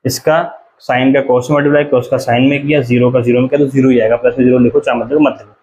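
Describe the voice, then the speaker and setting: A male maths teacher works through a problem at the board in a room with faint ambience behind him. He explains step by step and keeps asking the class questions that he answers himself. His pitch sits mid-range, and he slows right down while writing. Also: level tone, darkish tone, a little hiss or hum, low-quality recording. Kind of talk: whiteboard maths lesson.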